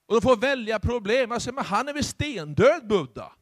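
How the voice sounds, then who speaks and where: Swedish male pastor, charismatic sermon, high-pitched, dry close sound, hushed asides rising to loud exhortation. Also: big pitch swings, no echo.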